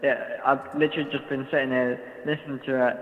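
A man's voice: mid-range voice, flat delivery, fast. A man phoning in to a radio show, sounding echoey and hollow, as if down a well, and talking shyly and hesitantly. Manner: shy, laughing, hesitant. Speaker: caller. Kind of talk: casual chat. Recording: echoey tinny phone line with long reverb.

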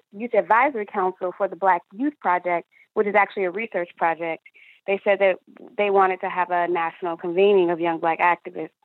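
A young woman answering interview questions in a halting, reflective way, as if searching for words, over a narrow phone-like line. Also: medium pitch, dry recording. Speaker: activist organizer and interview guest.

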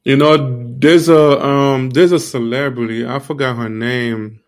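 A man giving an earnest, informal sermon, repeating himself often and filling pauses with "you know". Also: mid-range voice, steady tone. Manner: earnest, repetitive, many fillers like "you know". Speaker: preacher.

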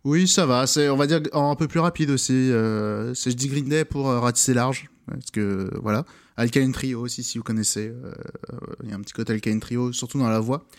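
Co-host, male, mid-pitched, halting, fumbles for words in casual chat. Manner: hesitant, searching for words. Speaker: podcast co-host.

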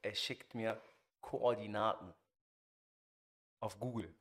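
A man's voice: fairly low pitch, slow. Young man telling a wild story. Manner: animated slangy storytelling, acts out quotes. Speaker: podcast host. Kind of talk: casual storytelling chat.

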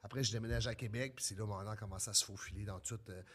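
A man's voice: fairly low pitch, very fast, breathy edge. A man with an Acadian French accent, a pro wrestler telling stories in casual chat and acting out what people said to him. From New Brunswick, Canada. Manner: animated storyteller, acts out quotes.

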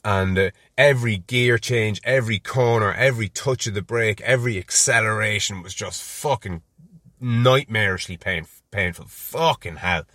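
Irish guy in his 30s, lowish voice, cursing his way through a story, dry close sound. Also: normal speed, bright, forceful tone, no echo. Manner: heavy swearing, rambling and wry. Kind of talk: casual personal storytelling.

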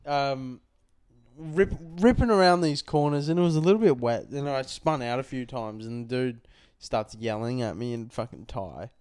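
A man's voice: mid-range voice, expressive, normal speed, darkish tone, clean tone, dry recording, clean studio sound. A young man, co-hosting a podcast from a home lounge room and telling crude, rambling anecdotes full of swearing. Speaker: podcast co-host. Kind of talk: casual storytelling chat.

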